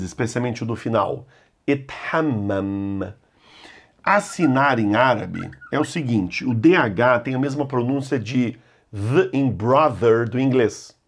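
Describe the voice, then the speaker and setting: A male language teacher with a mid-pitched voice who speaks slowly and deliberately. He states each word, then says it again with care so learners can repeat after him. His delivery is patient and steady. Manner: slow, deliberate, repeats words for the listener to echo. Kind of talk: language lesson.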